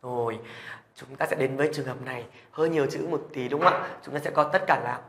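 A man's voice: medium pitch, fast, a bit bright, echoey room, slight background noise. A man teaching a language lesson, patiently repeating questions to check that students follow. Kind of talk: classroom lesson explanation.

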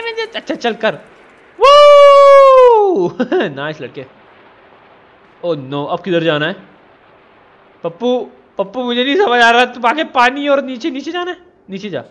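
A man's voice: extremely high pitch, fairly bright tone, a little hiss or hum. A man giving casual let's-play commentary, teasing and scolding the character he controls. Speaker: gamer.

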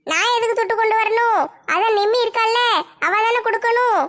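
A woman's voice: very high-pitched, fairly even intonation, brisk, a bit bright. A woman voicing a blunt, hot-tempered scheming woman in a comedy sketch. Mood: grumbling. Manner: blunt, quarrelsome.

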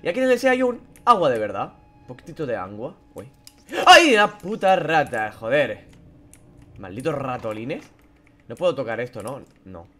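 Playing a horror game and commentating as he goes, this young Spanish gaming YouTuber speaks with a Spain Spanish accent in a very animated, mid-range voice at moderate pace. Scares make him yelp and swear; in the quieter stretches he just mutters.

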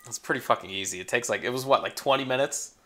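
A man's voice: medium pitch, fast talker. A man in his thirties giving casual, rambling, sweary let's play commentary in a laid-back way. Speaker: gaming streamer. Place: indoor room at a computer. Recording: loud game music behind voice.

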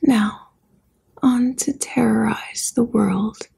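A woman narrating a horror story soft-spoken and whispered, as whispered role-play. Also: a little high, steady tone, slow, creaky, breathy edge.

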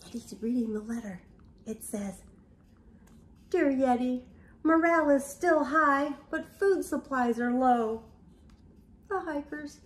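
With long pauses and an unhurried delivery, an older woman reads a picture book aloud to small children in front of a camera at home. She has a high voice, fills the tale with gasps and whispers, and the room gives a spacious sound.

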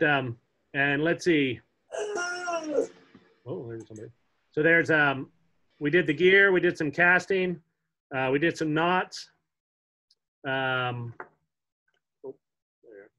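A middle-aged man teaching a casual online fly fishing class from home, chatty and relaxed, joking with the kids as he shows flies on a webcam. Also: fairly high pitch. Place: home room, indoors. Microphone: laptop webcam on a video call. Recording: dull lo-fi video call audio.

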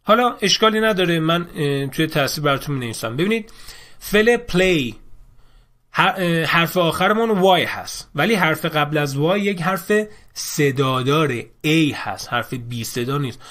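A man runs a classroom grammar lesson in a somewhat high voice. He explains each rule patiently and circles back to repeat the key points. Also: lively intonation, fairly bright tone. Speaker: English teacher.

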